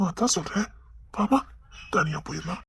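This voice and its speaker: Lady doing a creepy coaxing old man, breathy husky voice, stammers a bit. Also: on the low side, expressive, normal speed, no echo, studio quality, full character voice. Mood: sly. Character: lecherous older man, coaxing and sly. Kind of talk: Tamil audio drama acting.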